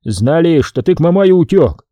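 Male narrator voicing a harsh boyar, scolding and commanding, mellow dark voice. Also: fairly high pitch, animated, normal speed, dry recording, pitched above the performer's own voice, close to an everyday voice. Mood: stern. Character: stern angry male boyar, a nobleman.

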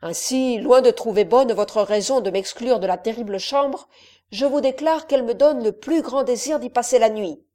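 A woman's voice: a little high, animated, normal speed, warm tone. A woman reading an audiobook, voicing a proud and curious nobleman who speaks eagerly and emphatically. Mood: bold, curious.

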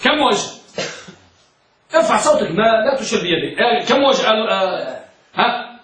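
A man's voice: sits high, sing-song, normal speed, a crowd in the background. A man teaching a class, quizzing students with repeated questions and urging them to speak up. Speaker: teacher of hadith. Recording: echoey room, voice from far off.

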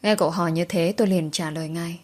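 A woman tells a story in a lowish voice. She keeps a brisk, matter-of-fact pace through the narration. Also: steady tone, a little mellow.

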